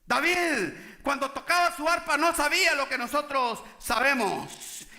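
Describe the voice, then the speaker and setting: A male pastor delivers an emphatic sermon and keeps turning to the congregation for agreement. His voice sits very high and sounds sharp and bright. The sound echoes around a roomy church. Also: a little slow, gravelly. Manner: emphatic preaching with repeated "¿sí?" to the congregation.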